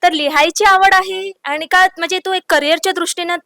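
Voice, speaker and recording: A woman's voice: extremely high pitch, fairly even intonation, brisk, creaky, pushed and bright, dry recording, studio quality. A woman interviewer asking conversational questions and prompting with frequent hums.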